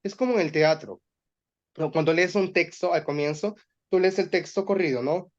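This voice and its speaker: Male voice coach, high-pitched, patient explainer, muffled lo-fi recording. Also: normal speed. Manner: explanatory, demonstrates exercises aloud. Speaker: voice workshop instructor for teachers. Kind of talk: online workshop teaching.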